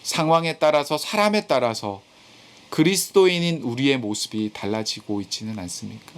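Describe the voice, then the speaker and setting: A man's voice: medium pitch, expressive, normal speed. A man preaching a sermon to a youth group over a live video call, earnest and growing emphatic at points. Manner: earnest, rising to emphatic when voicing scripture and rebuke.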